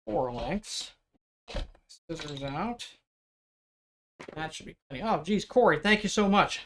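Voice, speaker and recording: A man demonstrating leatherworking on a live stream, talking loudly in an explaining way and chatting with viewers into a microphone. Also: fairly high pitch, lively intonation, takes it slowly. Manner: loud, explaining voice. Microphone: external microphone.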